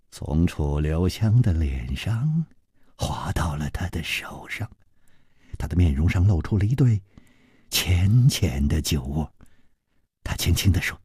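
A man reading a story aloud as a storyteller, expressive, with his delivery swinging from loud to hushed. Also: deep voice, husky, no echo, clean studio sound.

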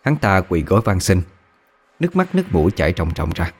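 Deep-voiced story narrator. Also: male voice, brisk, slightly rough. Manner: steady, storytelling. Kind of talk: first-person audio story narration.

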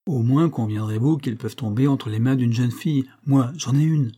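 A man's voice: mid-range voice, moderate pace, mellow, husky, close to an everyday voice. A man doing a stern moralizing count. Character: stern aristocratic older male count, moralizing.

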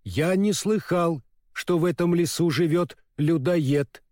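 Man doing a slow earnest tin woodman. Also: a little high, darkish tone, no room sound, clean studio sound. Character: tender-hearted tin woodman, grown man.

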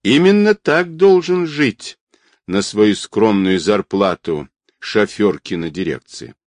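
A man's voice: on the low side, animated, slow pace, no echo. A man voicing a cocky, menacing fake police captain who mocks and threatens. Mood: mocking. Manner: mocking, sarcastic, threatening.

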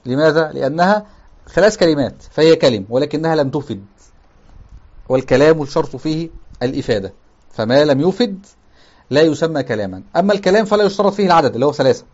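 A man's voice: a little high, a little mellow, dull audio. A man teaching a grammar lesson. He explains step by step, repeats key terms, often checks with his listeners, and raises his voice when he quotes the text.

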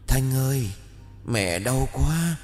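A man's voice: medium pitch, expressive, takes it slowly, a little mellow, faint music behind, pitched above the performer's own voice. A man voicing a wailing mother's ghost. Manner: pleading, broken, repeating words.

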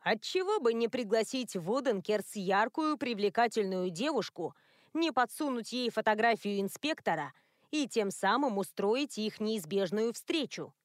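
A woman's voice: fairly high pitch, animated, normal speed, no echo, studio quality, natural voice. A woman reading the part of a bossy, caring older secretary who scolds and teases. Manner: scolding, teasing.

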